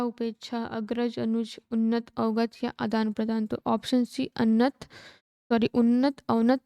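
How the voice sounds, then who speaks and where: A woman teacher running an exam-prep lesson, reading out questions and answer options at a steady, methodical clip. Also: a little high, dry recording. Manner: steady read-aloud of options, brisk and methodical.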